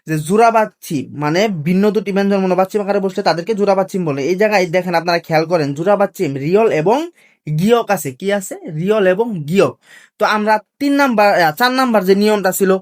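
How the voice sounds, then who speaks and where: Teacher drilling rules with questions. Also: mid-range voice. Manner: asks rhetorical questions and answers them, repeats key points; slow, careful drilling of pronunciation rules. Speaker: language teacher. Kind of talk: classroom-style video lesson.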